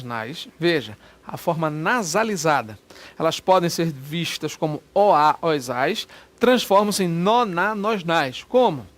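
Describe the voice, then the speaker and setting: Lively high-voiced male grammar teacher. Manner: lively, repetitive, spelling words out letter by letter. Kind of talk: exam-prep lecture.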